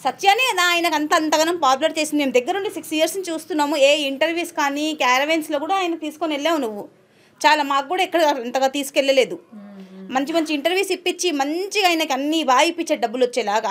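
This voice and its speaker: A woman's voice: high voice, quick pace, a bit bright. A woman speaking as an interview guest, arguing with rhetorical questions. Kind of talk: heated interview talk.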